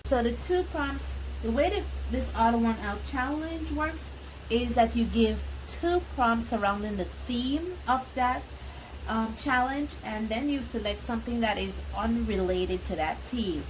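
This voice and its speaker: A woman's voice: fairly high pitch, measured pace, low-quality recording. Sniffly woman chatting over rain noise. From Belize. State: sniffly from allergies. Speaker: art channel host. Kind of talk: casual art vlog chat. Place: at home near a highway, rain on the house. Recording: home recording with rain and ambient noise. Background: rain, outdoor ambience.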